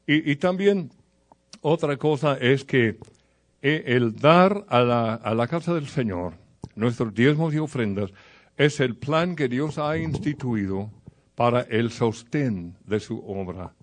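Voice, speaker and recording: A man's voice: mid-range voice, lively intonation, slow. A man preaching a sermon in a conversational way, telling stories and speaking directly to the congregation.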